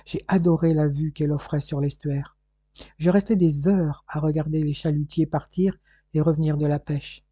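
A man's voice: fairly high pitch, fairly even intonation, normal speed, warm tone, husky, dry recording. A man reading as a decisive loving husband. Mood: fond. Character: eminent male researcher, loving decisive husband.

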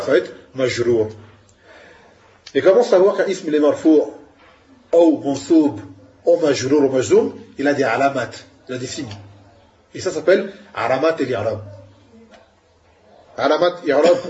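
A man's voice: mid-range voice, animated, moderate pace, long pauses, a little mellow, highs cut off. A man giving an Arabic grammar lesson, explaining patiently and asking his students questions. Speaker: Arabic teacher.

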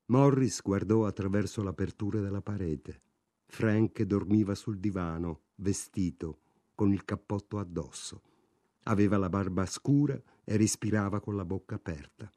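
A man reads a novel aloud in a low, dark voice, measured and restrained. The recording is dry and close, with no room sound. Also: no echo. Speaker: audiobook reader. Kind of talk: literary audiobook narration.

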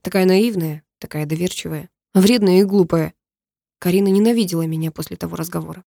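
A woman reads a first-person story aloud in a measured, intimate manner. Her voice is mellow and warm. The recording is dry and close, with no room sound. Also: fairly low pitch, creaky, no room sound. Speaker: audiobook narrator.

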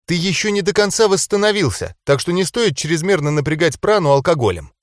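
A man's voice: fairly high pitch, animated, brisk, no echo, studio quality, voice pushed up, natural voice. A man voicing a stern young woman who scolds her brother reproachfully in an audiobook.

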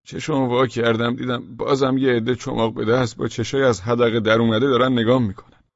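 Man reading a story out loud, folksy chatty way, gravelly and dry. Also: mid-range voice, little pitch movement, no room sound, dull audio. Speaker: audiobook narrator. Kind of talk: first-person storybook narration.

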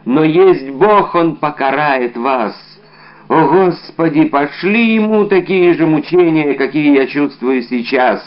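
A poisoned soldier in his last agony, crying out against the man he blames, as a male audiobook reader puts him on. The voice climbs high and loud in raw anguish. The recording is dull and lo-fi. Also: slow pace. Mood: anguished, accusing. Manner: shouting accusations.

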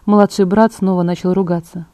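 A woman narrating an audiobook at a steady, measured pace. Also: lowish voice, dry recording. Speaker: audiobook reader.

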